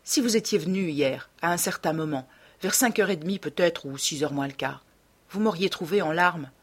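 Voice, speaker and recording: A woman's voice: fairly low pitch, normal speed. Dorian Gray, read by a woman, cold young dandy. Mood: coolly musing. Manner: detached, smoothly self-justifying. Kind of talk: audiobook character reading.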